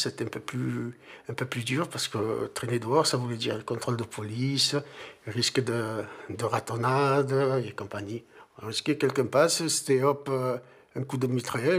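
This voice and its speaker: An older man giving an earnest interview testimony, halting at times and repeating words. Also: medium pitch, breathy edge.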